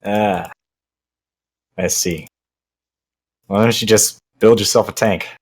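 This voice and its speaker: A man plays in a casual tabletop game, blunt and joking. His voice sits very low, with a husky edge. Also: fairly even intonation, slow pace. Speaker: player.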